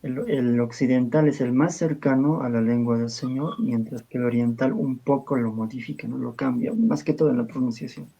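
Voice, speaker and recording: Mellow-voiced man explaining, halting. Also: medium pitch, steady tone, creaky, breathy edge, low-quality recording. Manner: halting, searches for words, reads sample prayers slowly. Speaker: guest explaining liturgical languages. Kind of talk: casual explanatory talk on a live stream.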